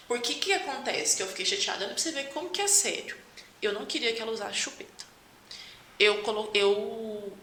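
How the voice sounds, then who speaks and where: A woman's voice: on the high side, pushed and bright. A woman, a guest, recounting her motherhood experiences in a casual conversation, emotional, with many restarts. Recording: echoey room, faint background noise.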